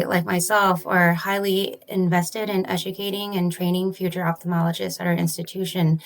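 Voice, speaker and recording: An ophthalmologist and study author answers podcast interview questions, explaining her research in a measured, earnest way. Her voice is low and even, with little rise and fall, and her pace is careful and steady.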